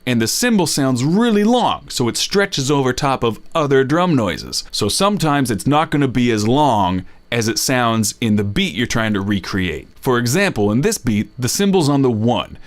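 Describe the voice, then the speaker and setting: Man, beatbox instructor, upbeat and jokey, very animated pitch, kids' lesson video. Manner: upbeat, jokey teaching voice mixing in vocal drum sounds.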